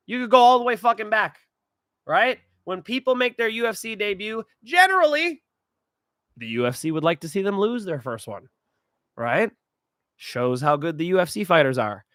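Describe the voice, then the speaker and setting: Excitable, profane man with a bright voice. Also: high voice, dry recording, clean studio sound. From California. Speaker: host. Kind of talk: fight predictions monologue.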